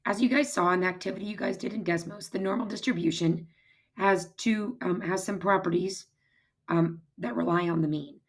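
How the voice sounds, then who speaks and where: A woman with a hoarse, raspy voice that is giving out, explaining step by step as a math teacher in an informal recorded lecture. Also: on the low side, steady tone, brisk. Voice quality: husky, raspy, strained voice. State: hoarse, losing her voice, throat-clearing.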